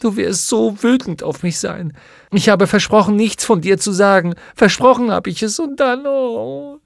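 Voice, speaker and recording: A man reading aloud gives voice to a distraught young girl, sobbing and shouting in anger. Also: normal speed, gravelly, no echo, clean studio sound. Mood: ashamed sobbing. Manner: high, loud, crying outbursts.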